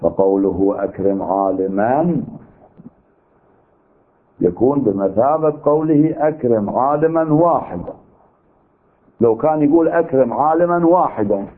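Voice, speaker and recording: A man with an Iraqi Arabic accent teaching a seminary lecture on legal theory, arguing his point through rhetorical questions. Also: medium pitch. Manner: argumentative, poses rhetorical questions. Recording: tinny narrow-band recording.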